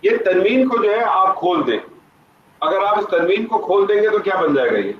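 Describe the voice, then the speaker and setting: A man's voice: high-pitched, lively intonation. A man teaching Arabic grammar in an online class, patiently questioning students by name. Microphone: video call. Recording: muffled echoey online call audio.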